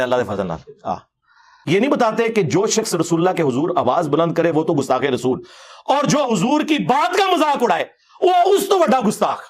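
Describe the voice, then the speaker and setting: Speaking in a high-pitched voice, a Pakistani Punjabi-accented man delivers a casual religious talk that is forceful, combative, and full of rhetoric.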